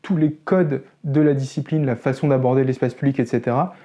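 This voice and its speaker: Here the French-accented host of a photography channel has a mellow, mid-range voice and a fairly quick pace. He explains his subject to camera in a chatty, educational manner with self-deprecating remarks.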